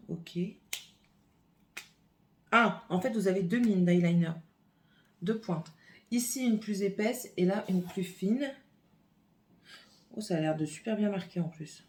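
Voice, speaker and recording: A woman vlogger filming a casual makeup haul at home on her phone, chatting and thinking aloud as she opens and swatches products. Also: mid-range voice. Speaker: beauty vlogger. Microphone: phone camera.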